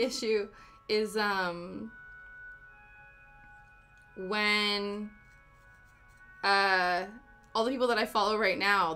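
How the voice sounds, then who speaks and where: A young Canadian woman living in the UK chats casually with viewers on a live stream from home, tossing giggly asides as she answers the chat. Her medium-pitched voice sounds pushed and bright, with faint music playing in the background.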